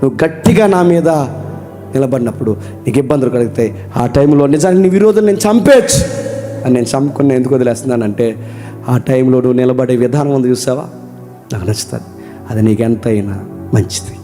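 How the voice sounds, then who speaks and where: A man preaching a sermon, asking rhetorical questions and calling on his listeners to answer, moving between loud emphatic lines and quiet low ones. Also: expressive, a little fast, faint music behind. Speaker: pastor.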